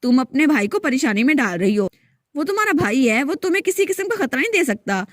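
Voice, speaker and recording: A woman's voice: sits high, sing-song, fast, dry recording, studio quality. A woman voicing a kind young heroine who soothes and reasons patiently in a storybook recap. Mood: firm. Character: kind young heroine, gentle big-sister type.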